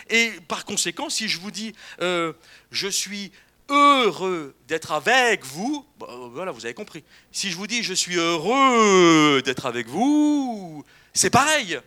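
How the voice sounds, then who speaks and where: A male pastor delivers a lively sermon, his voice pitched high and bright. He preaches with animated energy and slips into playful quoted voices to make his points.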